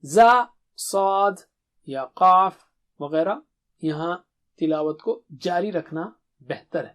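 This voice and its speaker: A man, a Quran recitation teacher, gives a short recorded tajweed lesson in a clear, measured teaching voice. He slows into melodic recitation for his examples. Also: sits high, fairly bright tone.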